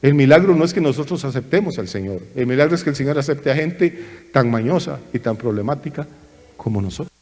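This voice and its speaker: A male pastor preaching a sermon, animated and theatrical, often acting out the voices of churchgoers and preachers. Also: medium pitch, a little fast, big-room sound.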